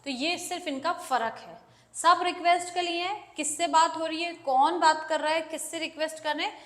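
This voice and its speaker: Indian woman English teacher, high voice, patient explainer, echoey room with long reverb. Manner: explains patiently, acts out example sentences slowly. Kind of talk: classroom-style grammar lesson.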